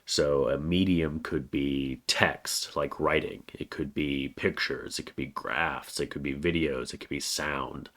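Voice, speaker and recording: Congested from a cold, this very low-voiced man delivers a recorded course overview lecture as a college writing instructor might, covering the week ahead. He's unhurried yet barely pauses, keeping a plain, even delivery peppered with "uh."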